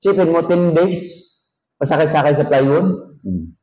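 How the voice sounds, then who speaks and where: Filipino pastor with a higher voice. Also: male voice, big pitch swings, a little slow, rough recording. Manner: folksy, joking asides to the congregation; rises to a near shout reading scripture. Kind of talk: sermon. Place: air-conditioned church.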